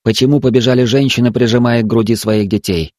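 A man narrating a story in a steady, even storytelling manner. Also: medium pitch, fast, dry recording, clean studio sound. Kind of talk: audiobook narration.

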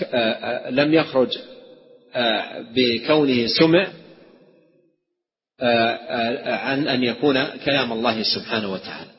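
A man teaching a creed text as a religious scholar, who explains by repeating key phrases and asking questions, then answering them. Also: mid-range voice. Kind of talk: classroom lecture on theology. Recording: dull recording in a hall with long reverb.

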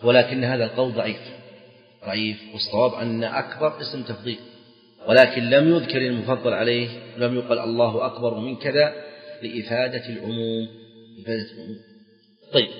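A man's voice: mid-range voice, steady tone, fast, soft background music. A man teaching Islamic jurisprudence in a lecture, repeating key phrases for emphasis with sing-song stresses. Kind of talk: classroom lecture explaining a text. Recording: echoey hall, dull lo-fi sound.

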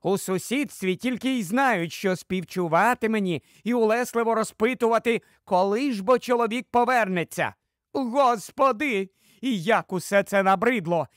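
A man reading an audiobook, voicing a sharp-tongued, nagging middle-aged wife with a shrill, scolding delivery. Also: normal speed, dry recording, studio quality, lightly acted.

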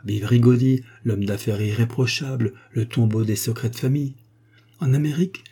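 A man's voice: mid-range voice, warm tone, breathy edge. A man voicing a scheming former notary clerk turned fixer, jovial and fond of saying "mon bon". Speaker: character in an audiobook.

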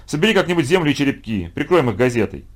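A man voicing a bossy, scheming schoolboy who talks impatiently and excitedly, in a storybook reading. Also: mid-range voice, fast.

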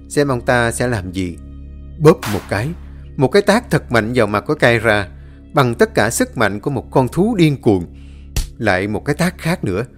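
Male storyteller with soft music. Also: mid-range voice. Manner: dramatic, measured reading. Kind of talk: scripted story narration.

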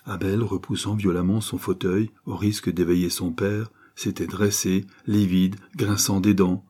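A man narrates a nineteenth-century-style novel in a measured, dramatic reading. His voice sits low and husky, with a dark, mellow tone. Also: little pitch movement. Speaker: audiobook narrator.

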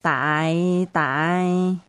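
A woman's voice: medium pitch, expressive, measured pace, darkish tone, no room sound, studio quality, close to an everyday voice. A woman voicing a crafty teenage boy tutor who boasts, tells tall tales and falters when he is caught out. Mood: boastful, weary.

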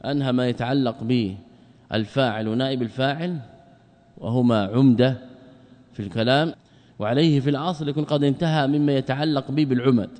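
A man, a religious scholar, teaching a class. He asks rhetorical questions, answers them himself, and stretches out words slowly for emphasis. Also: mid-range voice, a little mellow, big-room sound. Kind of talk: explanatory lecture.

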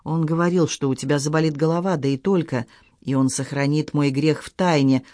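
A man's voice: on the high side, fairly even intonation, fairly quick, darkish tone, dry recording, studio quality, lightly acted. A man voicing a tearful, guilt-ridden young woman confessing in an audiobook. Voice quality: pleading, sobbing delivery.

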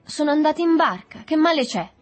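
A woman's voice: on the high side, moderate pace, breathy edge, faint music behind, voice pushed up. A woman voicing a thirteen-year-old boy who protests, confused and indignant, in an audiobook reading. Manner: protesting, bewildered.

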